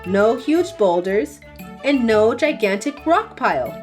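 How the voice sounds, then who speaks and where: A young woman reads a children's story aloud slowly, her high, lively voice expressive and sing-song, with soft music playing behind her.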